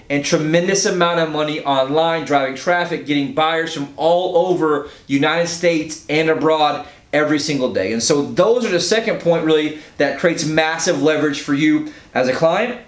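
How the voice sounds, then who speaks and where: This is an informal, emphatic sales pitch from a man working in real estate, who keeps checking in with a rhetorical "right?" as he tries to persuade. A roomy echo and a faint low rumble are audible.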